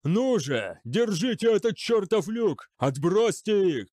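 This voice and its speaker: A man's voice: high voice, very animated, slow pace, dark tone, no room sound, clean studio sound, voice pushed up, heavily acted. A man voicing a desperate male general who screams commands at his troops. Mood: screaming.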